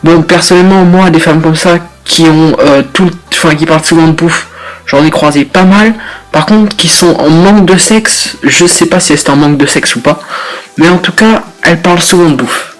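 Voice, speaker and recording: Young French vlogger, casual crude humor, filler-heavy, a touch high-pitched. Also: male voice, moderate pace, rough recording. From France. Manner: laid-back, rambling, blunt slangy jokes with many fillers. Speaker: YouTuber reacting to statements.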